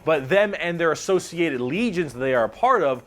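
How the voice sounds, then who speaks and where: A man's voice: a little high, animated, fairly quick, faint music behind. A man streaming, casually explaining game lore in a loose, profane way and reading chat messages aloud.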